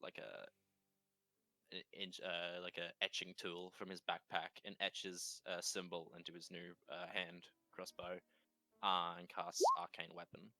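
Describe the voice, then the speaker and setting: A man's voice: low-pitched, little pitch movement, unhurried, creaky, bright, forceful tone, no room sound. A man playing a tabletop game, hesitantly describing what his character does in a casual way. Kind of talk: casual narration of character's actions.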